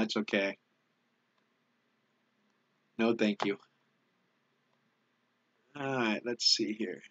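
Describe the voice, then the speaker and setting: A man talks on a live stream in a loose, halting way, circling back and restarting as he thanks viewers. His voice sits at an ordinary middle pitch. The sound is dry and a little dull, like a modest home setup. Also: a bit bright, no room sound. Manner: halting, restarts often, easily moved by donations. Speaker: YouTube channel host reading viewer donations. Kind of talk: casual live-stream chat.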